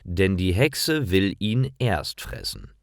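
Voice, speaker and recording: Deep-voiced man telling a slow fairy tale. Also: no echo, studio quality. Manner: slow, clear, lively storytelling. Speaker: storyteller. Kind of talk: slow fairy-tale narration for German learners.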